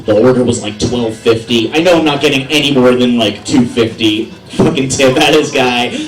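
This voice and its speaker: A man's voice: medium pitch, moderate pace. A man performing a stand-up comedy set at a veterans hall, telling profane stories and acting out the people in them. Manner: swearing, animated storytelling with acted-out voices. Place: veterans hall comedy show with live audience. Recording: echoey hall recorded from a distance. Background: audience laughing.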